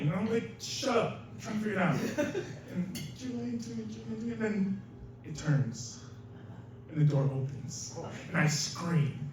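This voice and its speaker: A man's voice: high-pitched, far from the mic, slight background noise. Young man telling a story live, echoey room. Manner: casual, chatty, laughs often, acts out quotes. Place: small venue in front of a live audience. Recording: roomy live venue recording from afar.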